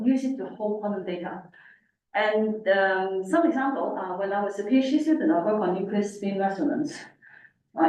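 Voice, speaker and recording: Casting: female academic lecturer, masked, soft dark tone, halting explanations, heavily reverberant room. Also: mid-range voice. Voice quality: speaking through a face mask. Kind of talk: informal technical lecture. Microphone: distant room microphone. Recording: very echoey, distant, faint room noise.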